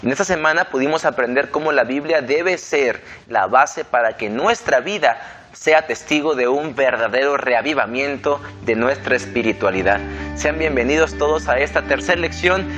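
A young adult man hosting a relaxed panel discussion, earnest and measured, repeating points for emphasis. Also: mid-range voice, soft background music. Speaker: host.

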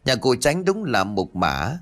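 A man narrating a ghost story dramatically. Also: unhurried. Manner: dramatic, with lively pitch swings.

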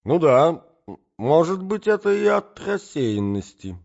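A bewildered elderly prince, put on by a man reading aloud drifts between agreement and confusion. His voice sits well above the reader's own and wanders in pitch. The recording is dull and lo-fi. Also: big pitch swings, measured pace, creaky, a little mellow, full character voice. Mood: muddled. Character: befuddled elderly male prince, muddled.

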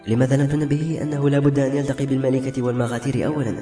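A man's voice: medium pitch, little pitch movement, racing, pitched above the performer's own voice, natural voice. A man voicing a worried young girl lost in a cold forest who talks in an earnest, pleading way. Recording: roomy echo with soft music.

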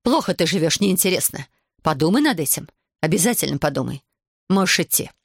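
A calm, gently reproachful schoolteacher, read by a woman. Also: low-pitched, fairly quick, vocal fry, husky, no echo, studio quality, heavily acted. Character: strict but kind female schoolteacher. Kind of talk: storybook reading.

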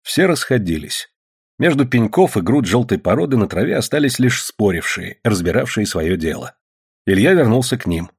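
A man narrating an audiobook in an expressive, dramatic reading. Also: on the low side, moderate pace, vocal fry, husky.

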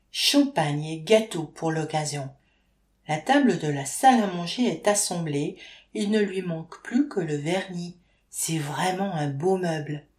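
Woman narrating an audiobook, low voice. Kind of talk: scripted narration. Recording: roomy echo.

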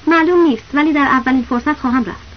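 Voicing a desperate young impostor teacher who keeps pleading and denying things, a woman reads his quoted lines in a high-pitched, lightly acted way. Faint hiss runs through this dull, lo-fi audiobook recording.

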